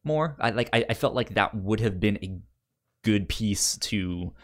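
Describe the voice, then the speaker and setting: A man's voice: fairly low pitch, animated, a little slow. A man co-hosting a podcast who stammers and restarts his sentences often. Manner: stammering, many restarts and fillers. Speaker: podcast co-host. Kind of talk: casual chat.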